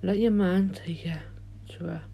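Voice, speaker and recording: A man leads a guided meditation in a soft, hushed, soothing voice, leaving long pauses as he goes. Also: sits high, fairly even intonation, vocal fry, lo-fi sound. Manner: soothing, gentle, drawn-out delivery with long pauses. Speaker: podcast host and meditation guide.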